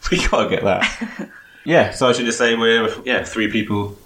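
A man's voice: mid-range voice, lively intonation, unhurried, fairly bright tone. A young man from Hertfordshire hosting a casual podcast chat, talking easily and laughing often. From Hertfordshire, England. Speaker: podcast host.

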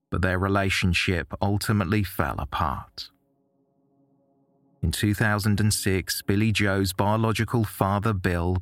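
A man giving measured, scripted narration for a true-crime documentary. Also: low voice, a bit bright, no echo, studio quality.

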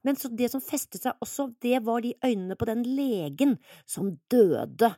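A woman's voice: a little high, big pitch swings, dark tone, no echo, studio quality. A middle-aged woman co-hosting a podcast in casual chat, giggly, chatty and self-mocking. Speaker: podcast co-host.

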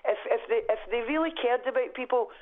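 A woman's voice: fairly high pitch, a little fast. Radio caller: forthright Glaswegian woman, chatty, heard down a thin phone line. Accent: Glaswegian Scottish. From Scotland. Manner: forthright, chatty, laughs between points. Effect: heard over a phone line. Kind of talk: casual phone-in chat.

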